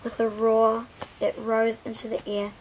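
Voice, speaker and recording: A woman reading a children's storybook aloud in a gentle, unhurried way, dropping to a whisper at times. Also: fairly high pitch, completely flat delivery, slight background noise, poor audio. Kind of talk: children's audiobook read-aloud.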